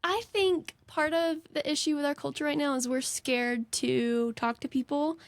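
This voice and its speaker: A woman in her twenties from North Carolina, telling stories in a chatty, animated way in a small meditation room. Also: high-pitched, normal speed, dry recording. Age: 20s. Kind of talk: casual chat.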